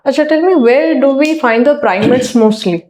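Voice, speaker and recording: A woman with an Indian accent questions formally as a member of an interview panel. Her voice is slightly high and quite mellow, recorded in an echoey room. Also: expressive, normal speed. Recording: echoey room, faint noise.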